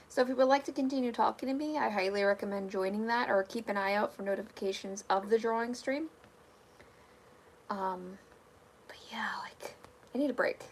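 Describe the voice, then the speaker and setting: A woman's voice: medium pitch, a little hiss or hum. A young woman livestreaming her craft work, chatting casually with viewers and answering comments, her voice tired from talking. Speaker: livestreamer making fursuits.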